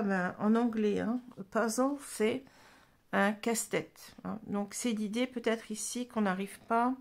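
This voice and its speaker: A woman giving a casual tarot reading, talking in halting phrases with many fillers and restarts. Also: a little high. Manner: halting, full of "hein" and "vous voyez", restarts. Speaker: tarot reader.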